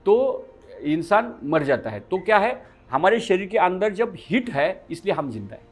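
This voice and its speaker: Man teaching yoga, high voice, very lively delivery, asks and answers his own questions. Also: a little slow, faint music behind. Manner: animated, asks the class questions and answers them himself. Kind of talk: lecture to a yoga class.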